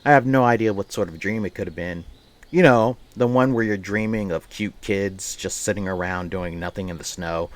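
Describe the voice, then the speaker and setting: A live streamer with a low voice chats casually with viewers at normal speed, reading aloud in a rambling, playful manner and frequently repeating phrases.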